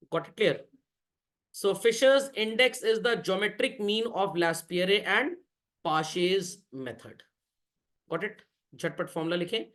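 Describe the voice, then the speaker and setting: In this classroom lecture, a male commerce teacher speaks with a high, slightly bright voice. Joking as he goes, he quizzes the class with quick questions and often calls the students children.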